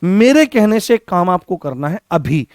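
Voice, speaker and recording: High-voiced teacher drilling a grammar lesson. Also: male voice, very animated, unhurried, a little mellow, no room sound, clean studio sound. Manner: repetitive, drills phrases, asks the class questions, affectionate address. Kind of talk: exam-prep grammar lesson.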